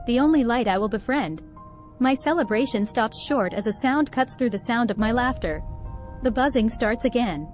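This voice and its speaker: High-voiced woman reading a horror tale. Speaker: story narrator. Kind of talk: first-person horror story reading. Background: faint background music.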